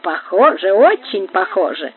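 A woman's voice: medium pitch, big pitch swings, a little slow. A woman reading aloud and voicing a simple-minded young man, naive and gleefully pleased with himself. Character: simple-minded, delighted young man newly made a nobleman. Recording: tinny phone-like sound.

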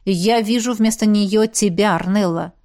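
A woman reading an audiobook and voicing a fierce, fire-wielding male warrior mage who is protective of his beloved, gruff at first and then tender. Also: mid-range voice, a little slow, a little mellow, close to an everyday voice. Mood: explaining. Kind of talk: audiobook character voice.

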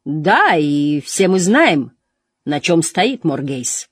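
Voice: mid-range voice, expressive, normal speed, no room sound, clean studio sound, natural voice. A reader doing a sneering officer. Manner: mocking, threatening, spits words through teeth. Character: sneering male officer of a zealot order. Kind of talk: audiobook reading.

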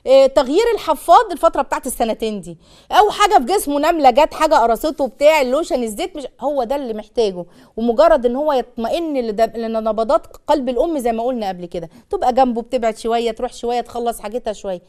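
A woman with an Egyptian accent hosting a call-in parenting advice show, giving fast and emphatic advice like a teacher. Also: fairly high pitch, darkish tone. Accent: Egyptian Arabic.

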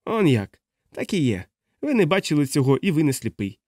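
A man's voice: fairly high pitch, very animated, a little fast, a little mellow, no echo, studio quality. A man reading an audiobook, voicing a drunk, blind, stout middle-aged publican who talks in a slurred, boisterous, self-pitying way. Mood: drunken grumbling. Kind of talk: audiobook character voice.

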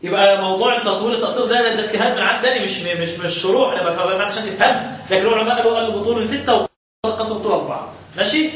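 A high-voiced man with an Egyptian Arabic accent teaches a recitation lesson, asking his students questions and drawing out key terms. He is picked up from a distance in a very echoey room, with faint noise underneath. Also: a bit bright.

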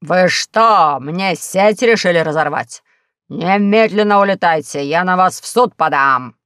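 A woman voicing a loud, menacing male space trapper who shouts slow drawn-out threats. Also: fairly low pitch, clean tone, no echo, clean studio sound. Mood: threatening.

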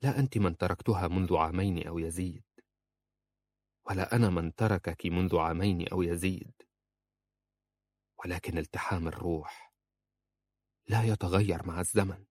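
A man voicing a tender, lovesick grown man who speaks in a soft, intimate murmur. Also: low voice, steady tone, moderate pace, pauses often, no echo.

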